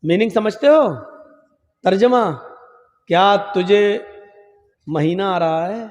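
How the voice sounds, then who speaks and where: A male preacher gives an emphatic sermon, building to shouts and pointed rhetorical questions. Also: high-pitched. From Uttar Pradesh, India. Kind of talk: Islamic sermon at a public gathering. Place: large public gathering with a PA system. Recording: echoey PA sound with long reverb.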